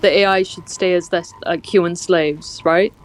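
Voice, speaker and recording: A man's voice: sits high, fairly even intonation, normal speed, music in the background. A man in a casual debate among friends, making his case.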